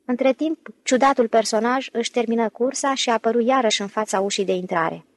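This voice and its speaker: Brief: woman narrator for an audiobook, steady storytelling, slightly high voice, dry studio sound. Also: no room sound. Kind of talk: scripted narration.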